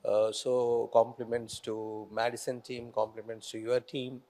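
Gravelly middle-aged man speaking hesitantly. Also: medium pitch, little pitch movement, warm tone. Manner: measured, hesitant, many fillers and restarts. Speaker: guest speaker, company executive. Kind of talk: onstage conference conversation. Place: large conference hall stage. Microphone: handheld mic.

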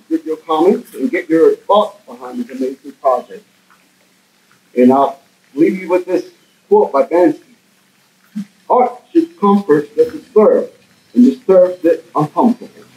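A man from Guatemala, a muralist, giving remarks to a crowd in an outdoor park plaza with some soft ambient noise. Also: a little high, expressive, moderate pace, low-quality recording.

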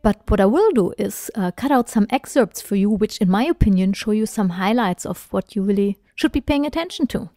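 A woman's voice: mid-range voice, lively intonation, fairly quick, hardly any pauses, dark tone, no room sound, studio quality. A woman talking as a parrot trainer in a chatty, enthusiastic voice-over, with small fillers. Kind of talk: instructional voice-over narration.

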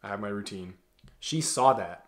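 A man's voice: on the low side, animated, moderate pace. Blunt young man giving casual advice. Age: 20s. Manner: blunt, joking, gives direct advice. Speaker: host. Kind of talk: casual Q&A chat. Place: dim bedroom, indoors.

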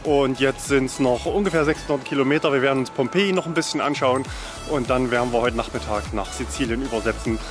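A man's voice: medium pitch, quick pace, music in the background. A middle-aged man talking to a handheld camera outdoors in a casual travel vlog, matter-of-fact and explaining with many fillers. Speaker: travel vlogger. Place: outdoors, country lodge and foggy mountain. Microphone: action camera at arm's length.

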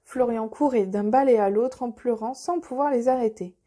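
A woman narrating a children's audiobook in a gentle, expressive way. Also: fairly high pitch, normal speed. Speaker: storyteller.

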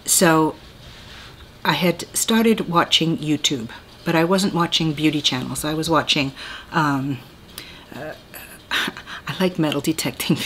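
A woman in her sixties, a beauty vlogger, rambles chattily through a beauty tag video in a small room at home, laughing at herself along the way. Her low voice is a bit bright, with a little hiss or hum in the recording.

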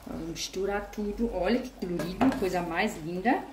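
Her voice sits on the low side and moves at a moderate pace as she talks through a home recipe step by step from her kitchen. This vegan cooking channel host keeps the casual tutorial chatty and homey, using diminutives and fillers, in a reverberant recording with slight background noise.

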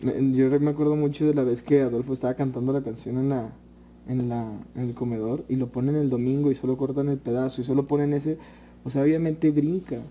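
A man's voice: mid-range voice, fairly even intonation, fairly quick, dark tone, slight background noise. A young man with a Mexican accent, a reality show contestant talking hesitantly with many fillers in casual chat. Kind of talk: casual chat among housemates.

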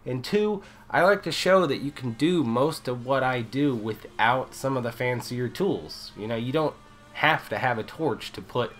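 A man's voice: mid-range voice, lively intonation, measured pace, a bit bright, soft background music, low-quality recording. A man with a head cold and a nasal voice, casually narrating a metal fabrication build as the channel host, with fillers and restarts.

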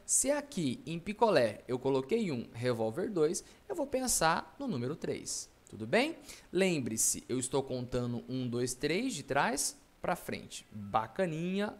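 A male teacher giving an online video lesson, chatty and playful, talking straight to the viewer. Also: on the high side.

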